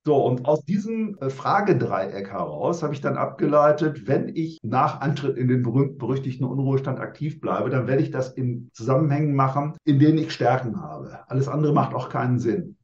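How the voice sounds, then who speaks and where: A man in his sixties lays out his thoughts step by step in formal, orderly phrases. His voice sits at a middle pitch. The room sounds echoey and the recording is somewhat dull. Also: expressive, a little mellow. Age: 60s. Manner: measured, structured, formal wording. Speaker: interviewee. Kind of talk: reflective interview answers.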